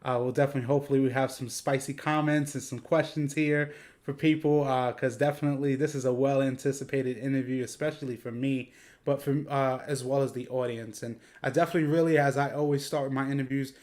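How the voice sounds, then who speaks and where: A man's voice: medium pitch, fairly even intonation, quick pace, darkish tone. Rambling man hosting a podcast. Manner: rambling, filler-heavy. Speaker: podcast host. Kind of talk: casual interview hosting.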